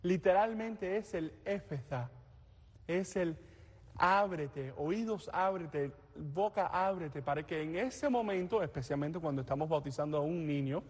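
A man reading scripture and preaching deliberately in a church, his voice carried in a cathedral-like echo. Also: on the high side, lively intonation, husky. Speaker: priest or deacon reading the Gospel and preaching. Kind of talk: liturgical reading and homily. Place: large reverberant church interior. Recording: long echoing church reverb.

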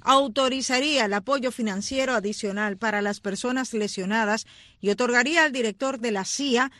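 A woman's voice: a little high, brisk, a bit bright, no echo, clean studio sound. A woman anchoring radio news, reading scripted items and handing over to colleagues.

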